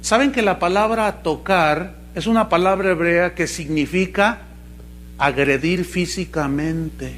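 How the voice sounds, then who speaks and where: A male pastor preaches to a live congregation in a high, slightly slow, somewhat bright voice, with a little hiss or hum in the background. His sermon is mocking and humorous as he teases the crowd and fires questions at them.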